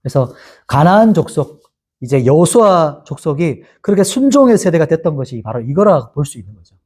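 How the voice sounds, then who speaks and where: Korean pastor guy teaching bible, husky mellow voice, keeps asking the class stuff then answering it himself. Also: on the high side, big pitch swings, brisk. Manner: asks the class questions and answers them himself, acting out quoted voices. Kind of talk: Bible lecture.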